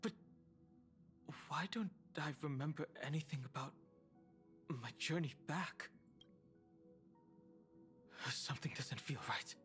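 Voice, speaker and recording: A thoughtful young hero in a video game. His voice is a touch high for a man, earnest and polite, with soft music underneath. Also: slow pace, long pauses. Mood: puzzled, uneasy. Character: earnest, puzzled, courteous young male hero. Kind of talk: dramatic video game voice acting.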